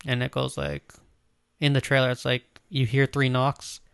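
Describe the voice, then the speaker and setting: Man, relaxed podcast co-host. Rambling, filler-heavy delivery, dry close sound. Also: mid-range voice, moderate pace, vocal fry, smooth, no echo. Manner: loose, rambling, lots of "like" and "um". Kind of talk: casual movie news chat.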